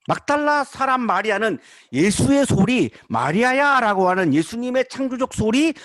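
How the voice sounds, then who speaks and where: Male pastor, high lively voice, emphatic preaching with rhetorical questions, dry recording. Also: no echo. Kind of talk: sermon.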